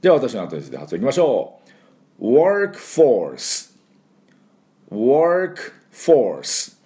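A middle-aged man hosts an English pronunciation lesson, playfully acting out sounds and running exaggerated repeat-after-me drills. His low, dark voice swings hugely in pitch, and he talks at a quick pace.

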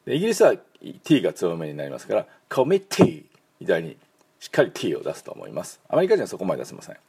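A man with a low, gravelly, slightly husky voice, giving an English pronunciation lesson. His pitch swings widely as he drills words and pauses on fillers. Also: huge pitch swings, a little mellow. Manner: many fillers, repeats words for learners to copy. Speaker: English school principal and teacher.

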